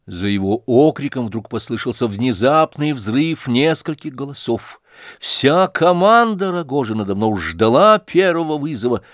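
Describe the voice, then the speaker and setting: A man narrating a classic novel in a measured, expressive storytelling voice. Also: mid-range voice, no room sound, studio quality. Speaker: audiobook narrator.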